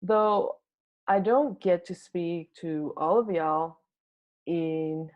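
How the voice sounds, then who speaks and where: A woman from Taiwan giving a prepared tech talk as a conference speaker, explaining things in a measured way. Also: lowish voice, muffled recording. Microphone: home recording for online talk.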